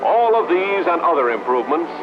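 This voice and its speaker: A 1950s-style American male narrator delivers a scripted promotional film with formal emphasis. His pitch is fairly high and swings in lively fashion from phrase to phrase. The soundtrack is dull and vintage, with loud music playing behind him. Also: fairly quick. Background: loud background music.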